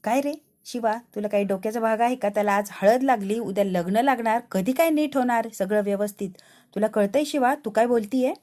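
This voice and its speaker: A woman's voice: on the high side, fairly quick, dark tone, lightly acted. A woman voicing a hot-tempered young man who scolds his friend in exasperation. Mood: annoyed. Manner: agitated, scolding.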